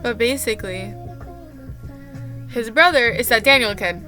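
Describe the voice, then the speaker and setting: A young woman tells a casual vlog story about her day as a camp counselor. Her voice sits a little high and sounds bright and sharp, and she rambles in an exasperated rant full of "like". Soft music plays faintly behind her. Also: a little slow.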